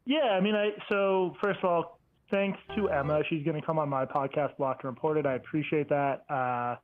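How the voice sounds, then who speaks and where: A man speaks over the phone on a thin, tinny line that squeezes his voice. He is a caller to a live show, polite and hedging, stopping and restarting as he goes. His voice sits a little high for a man. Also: steady tone, normal speed. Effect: heard over the phone. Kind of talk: casual call-in chat. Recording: tinny phone line, played from a stream clip.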